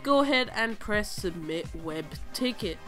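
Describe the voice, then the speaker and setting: Her mid-range voice is expressive and fairly bright, and she speaks a little slowly over faint background music. A young gaming-channel host with a stuffy nose from a cold, she does a casual at-home voice-over of gameplay footage. She chats through the game tutorial, going over each instruction step by step.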